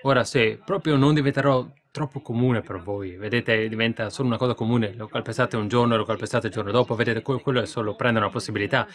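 Man, preacher, sermon, emphatic, keeps asking "see?", mid pitch, grows excited telling stories. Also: fast, hardly any pauses. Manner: emphatic, frequent "see?" asides; builds to excited storytelling. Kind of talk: sermon with questions and answers.

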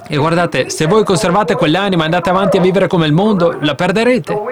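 A man preaching to a congregation with children, shouting in an old-fashioned style and leading call and response. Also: high voice, fast talker, a crowd in the background.

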